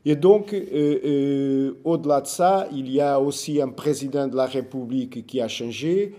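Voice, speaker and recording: A man, a native Portuguese speaker, gives an informal talk in Portuguese-accented French, halting as he searches for words and repeats himself. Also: mid-range voice, mellow. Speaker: speaker giving a political overview.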